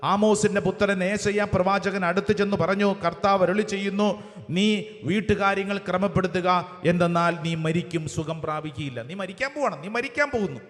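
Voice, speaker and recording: A priest with a high-set voice delivers a sermon, calling out verses one phrase at a time for the listeners to repeat. His words ring out with a long reverb, as if spoken in a large church hall. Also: normal speed, a bit bright. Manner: cites verses with English chapter numbers. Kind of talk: sermon with call-and-response.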